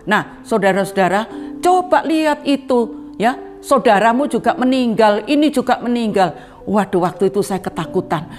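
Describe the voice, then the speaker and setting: An older woman speaks earnestly to a church congregation, her voice sitting a little high. Soft music plays faintly behind her as she tells her testimony, calling the listeners beloved brothers and sisters and acting out what people said to her. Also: expressive, moderate pace. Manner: acts out quoted dialogue with rising pitch. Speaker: church member giving testimony. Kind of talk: spoken testimony in a church service.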